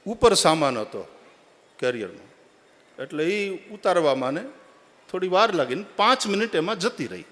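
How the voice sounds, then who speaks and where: A man giving a devotional address at a religious gathering, telling a parable and rising to loud, emphatic appeals. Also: high voice, big pitch swings, moderate pace, pauses often. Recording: long hall reverb.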